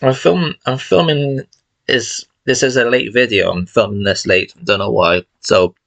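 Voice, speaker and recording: A man's voice: medium pitch, moderate pace, vocal fry, a bit bright. A man in his thirties chatting casually through his film collection late at night, tired and yawning, rambling and swearing now and then. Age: 30s. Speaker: collection vlogger.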